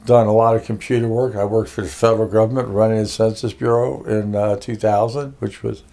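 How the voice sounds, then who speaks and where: A man's voice: lowish voice, steady tone, fairly quick, creaky, mellow. Older man rambling through his life story. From Connecticut. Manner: rambling, many fillers and restarts. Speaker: interview guest, music producer. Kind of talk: casual interview, life story.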